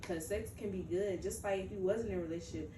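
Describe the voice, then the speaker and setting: A woman's voice: medium pitch, quick pace. A woman in her twenties hosting a casual girl-talk chat, loose and joking, laughing often. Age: 20s. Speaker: host. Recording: roomy, distant mic with faint noise.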